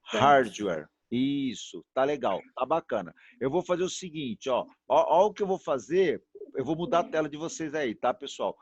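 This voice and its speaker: A man from Brazil teaching a class over a video call, patient and repetitive, stretching words out slowly to demonstrate them. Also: mid-range voice, lively intonation, husky, no echo. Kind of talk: online class pronunciation lesson. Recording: dull, muffled sound, dry.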